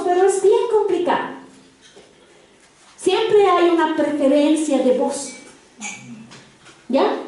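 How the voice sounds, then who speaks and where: A woman with a very high voice teaches an interactive sermon and keeps checking in with her listeners through short questions. The recording comes from a very echoey hall, with the mic set well back from her. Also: a little mellow, distant mic. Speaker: preacher teaching a congregation.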